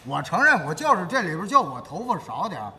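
Bright, indignant older crosstalk comedian. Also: male voice, sits high, very animated, fast talker, long reverb tail. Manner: indignant, plays the foil. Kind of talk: crosstalk comedy duo routine.

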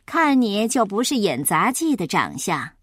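A woman's voice: medium pitch, very animated, unhurried, a bit bright, dry recording, studio quality, pitched below the performer's own voice. A woman voicing a boastful, lazy adult male acrobat who talks in a haughty, scornful drawl.

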